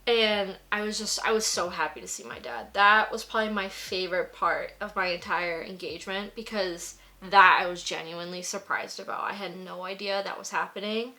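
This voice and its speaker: A woman's voice: on the low side, normal speed, few pauses, bright, forceful tone. A young woman vlogger chatting casually while doing her makeup, gushing and peppering her talk with "like". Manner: gushing, filler-heavy with frequent "like". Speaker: beauty vlogger.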